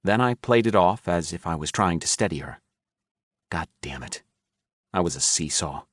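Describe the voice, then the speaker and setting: A man's voice: low voice, expressive, normal speed, no room sound, studio quality. A man narrating a first-person audiobook in a wry, self-mocking storytelling manner.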